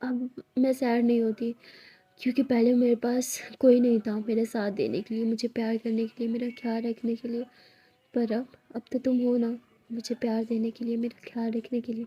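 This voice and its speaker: A woman voicing a sad, hurt young woman who speaks softly and half-whispers in a told love story. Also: a little high, flat delivery, moderate pace, husky, muffled recording. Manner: soft, sorrowful, half-whispered.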